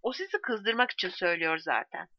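Woman reading calm peacemaking soldier man, soothing, dry lo-fi sound. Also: lowish voice, brisk, dry recording. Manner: soothing, reassuring. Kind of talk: audiobook reading. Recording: slightly dull lo-fi recording.

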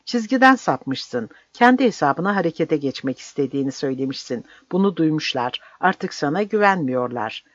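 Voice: medium pitch, expressive, moderate pace, few pauses, a bit bright, no echo. A brutal, bearded male guerrilla captain roars his contempt in a raised, strained voice, as an audiobook reader puts him on. The recording is dry, with no room sound, and slightly dull. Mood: cold accusing. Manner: roaring, harsh, contemptuous.

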